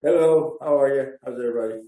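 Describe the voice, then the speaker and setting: A man's voice: mid-range voice, quick pace, dark tone. A man chatting casually as a podcast co-host over a video call, his voice sounding echoey and roomy. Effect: echoey, roomy sound on his line.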